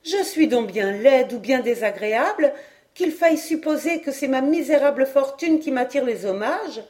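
A woman reading an audiobook, voicing a lively, teasing young woman with a playful, laughing manner. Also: high-pitched, moderate pace, voice pushed up.

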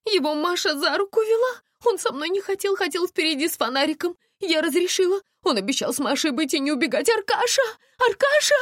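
A woman's voice: very high-pitched, sing-song, brisk, fairly bright tone, dry recording, studio quality, voice pushed up, exaggerated voice. A woman voicing a panicked young mother who calls out frantically. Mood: frantic. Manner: frantic, crying out.

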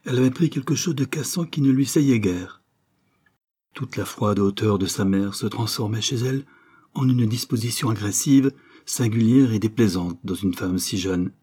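A man reading a novel aloud in steady, measured narration. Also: on the low side, slightly rough. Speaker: audiobook reader.

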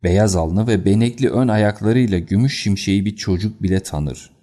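A man reading the lines of an anxious, quick-tempered colonel in an audiobook, in an agitated and excitable manner. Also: fairly low pitch, natural voice.

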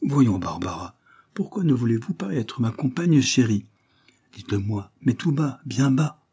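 A man voicing a calm, soft-spoken lawyer in an audiobook. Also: medium pitch, measured pace, vocal fry, breathy edge, heavily acted. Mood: tender. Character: calm, tender male lawyer, gently courting. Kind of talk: audiobook character reading.

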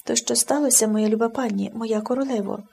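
A woman's voice: a little high, a little fast, vocal fry, mellow, slightly rough. A woman voicing an old, humble housekeeper who dotes on her mistress, in a storybook reading. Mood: doting. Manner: humble, doting. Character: old stout female housekeeper, humble and doting.

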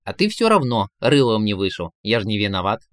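A man's voice: fairly low pitch, very animated, fairly quick, no echo. A smug mocking inner voice, read by a man. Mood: blunt. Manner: dry, mocking, matter-of-fact. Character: sardonic disembodied male inner voice, smug and blunt. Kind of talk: audiobook character voicing.

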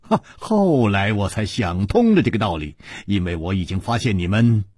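A man doing a calm, wry swordsman hero. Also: fairly low pitch, breathy edge, no echo, studio quality. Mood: reasoning. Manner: measured, reasoning, with little scoffs. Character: calm clever male hero, wry and probing.

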